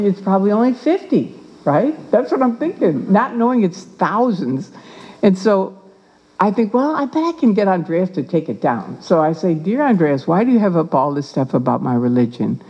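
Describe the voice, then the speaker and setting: An older woman gives a talk to an audience, telling her own story in a lively way and acting out the voices of the people in it. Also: lowish voice, normal speed, slightly rough, muffled recording. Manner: animated, acts out quoted voices. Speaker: guest speaker.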